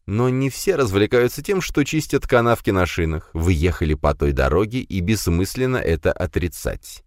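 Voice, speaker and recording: A sarcastic police interrogator, put on by a male narrator, needling a suspect with pointed questions. The voice is low yet lively in pitch, recorded close and dry. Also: moderate pace, no echo. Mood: calm. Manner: mocking, pressing questions.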